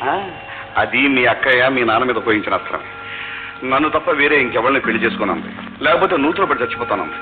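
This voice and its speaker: A man's voice: medium pitch, animated, fast talker, phone-quality sound, music in the background, lightly acted. An actor playing a teasing married man, playful and confiding, in an old film soundtrack.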